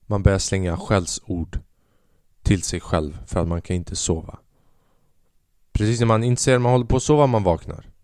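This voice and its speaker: A young man hosting a podcast, telling a long story in a rambling, self-mocking way and acting out quotes in a higher voice. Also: a little mellow, no room sound, studio quality. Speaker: podcast host. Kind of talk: casual storytelling monologue.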